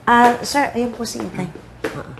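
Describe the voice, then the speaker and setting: A woman's voice: fairly high pitch, normal speed, gravelly, faint music behind. A woman directing actors on a set, demonstrating lines and counting down takes. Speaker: acting director.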